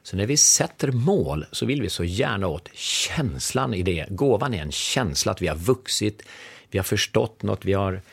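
This fiftysomething guest, once a business consultant, has a fairly low, creaky voice with a breathy edge and no echo. He recounts a story conversationally, acting out the dialogue with animation.

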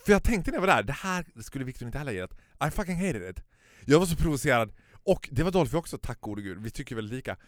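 A man, telling an animated story in a casual podcast chat and mixing in English phrases. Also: medium pitch, few pauses, dry recording, studio quality. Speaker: podcast co-host.

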